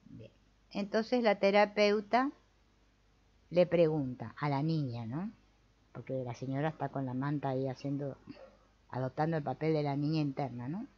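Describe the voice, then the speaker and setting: A woman, calmly reading out and explaining a therapy case, often adding little tag questions as she goes. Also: low-pitched, normal speed, long pauses. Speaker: spiritual self-help video host. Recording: dull lo-fi recording.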